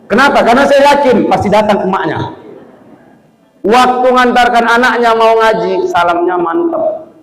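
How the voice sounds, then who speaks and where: A man from Asahan with an Asahan Malay accent, preaching a humorous sermon and telling lively stories that leap up high for emphasis. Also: moderate pace. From Asahan, North Sumatra, Indonesia. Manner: animated storytelling, jumps to high pitch for emphasis. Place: mosque. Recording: echoey mosque hall with long reverb.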